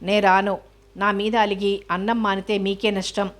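Bitter sarcastic young husband, voiced by a woman, storybook reading, flat delivery. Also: medium pitch, normal speed, natural voice. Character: proud, resentful young husband, a doctor.

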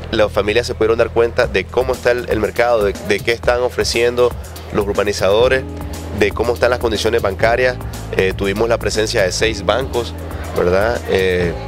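A housing association official answers a reporter's questions. He is hesitant and often restarts, and his voice sits somewhat low. Clear background music plays. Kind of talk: interview answers.

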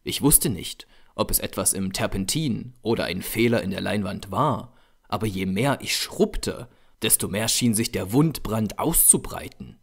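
A man narrating a horror audiobook in a measured, expressive storytelling manner. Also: lowish voice, vocal fry, husky.

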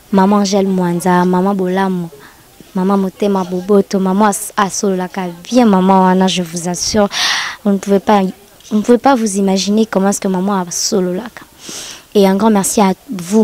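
A woman's voice: medium pitch, dark tone. A young woman with a Congolese French accent, a TV presenter talking on camera in an interview, often hesitating and slipping into Lingala. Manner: mixes in Lingala, many hesitations.

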